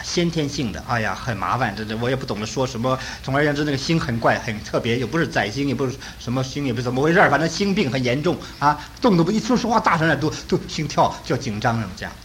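A man preaching and telling a story in an animated way, acting out the dialogue. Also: mid-range voice, a little hiss or hum, poor audio. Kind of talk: sermon storytelling.

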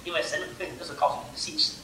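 A man's voice: very fast, a little hiss or hum. Older male pastor preaching in an echoey hall. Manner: animated, emphatic preaching, often says "I tell you". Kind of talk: sermon. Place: church. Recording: echoey hall, mic far off.

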